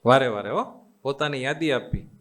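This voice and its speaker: A man's voice: medium pitch, moderate pace, a bit bright. Man, Gujarati accent, swami, devotional sermon, call-and-response with audience, repetitive coaxing delivery. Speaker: swami giving a religious discourse. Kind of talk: devotional sermon to a live assembly.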